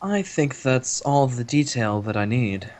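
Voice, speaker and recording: A man voicing a suave, mysterious young man in an amateur voice drama, speaking slow, low and languid. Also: animated, darkish tone, lightly acted. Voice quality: smooth, melodious.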